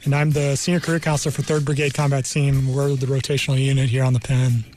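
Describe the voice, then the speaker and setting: Speaking quickly in a medium, fairly flat and slightly mellow voice, a New Mexico man works as an army career counselor. He gives earnest explanations in a relaxed radio interview while music runs in the background.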